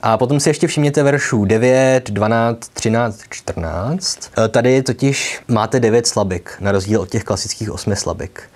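A man's voice: mid-range voice, few pauses, a little mellow. A young man explaining poetic meter in an educational video lesson, patiently tapping out rhythms with syllables. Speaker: literature teacher.

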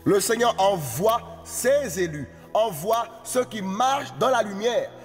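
A man's voice: sits high, expressive, measured pace, in a large hall, soft background music. A man preaching a sermon, exhorting his listeners in a repetitive, singsong cadence.

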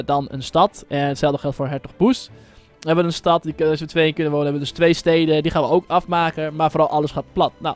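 Young-sounding male gaming host, slightly high voice, loose slangy rambling delivery, faint music underneath. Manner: rambling, filler-heavy, slangy. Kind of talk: casual Minecraft commentary.

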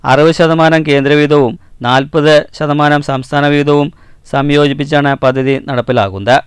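Smooth, dry-voiced male news reporter. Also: on the high side, steady tone, no echo. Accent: Malayalam, Kerala. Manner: measured formal reading, drops at sign-offs. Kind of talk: scripted news voice-over.

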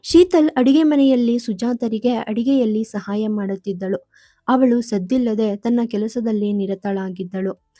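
A woman storyteller narrating a family drama in a calm, even manner. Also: fairly high pitch, measured pace, no room sound, clean studio sound. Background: soft music.

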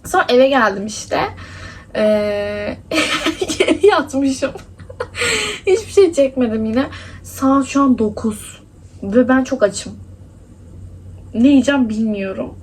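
Her voice is on the high side and a little mellow, animated yet slow, with long pauses. She's a young vlogger from Adana, Turkey, chatting, complaining and laughing through her day, indoors at home and later on hot streets outside.

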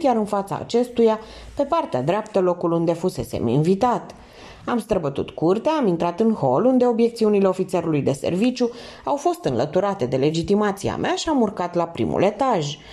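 A woman reading a crime novel aloud in the first person, lifting her voice for the characters' lines. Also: warm tone. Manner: reads in first person, lifts pitch for quoted speech. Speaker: audiobook reader.

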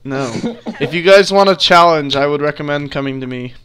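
A man's voice: a little high, fairly quick, over music. A man hosting an online game session as a police trainer, bossy and mocking. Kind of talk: casual gaming chat.

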